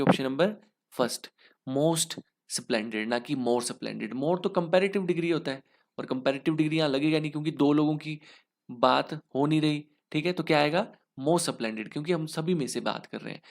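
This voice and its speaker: A man's voice: a little high, moderate pace, gravelly. A young man with an Indian English accent, teaching an exam lesson in Hinglish and walking through each answer step by step, asking questions and answering them himself. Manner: explains step by step, asks then answers himself.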